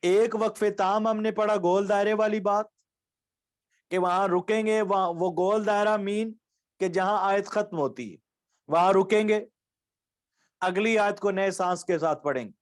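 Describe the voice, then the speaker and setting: A man's voice: sits high, steady tone. A man from Pakistan giving an online lecture as a Quran recitation teacher, explaining rules patiently and repeating key points and examples.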